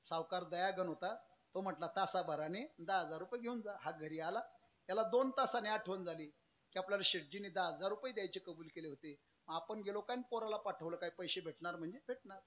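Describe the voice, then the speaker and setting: A man preaching through a folk story, emphatic, moving between loud declaiming and low narration and acting out the characters' lines. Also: a little fast. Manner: acts out characters' dialogue in changed voices. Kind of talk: storytelling sermon.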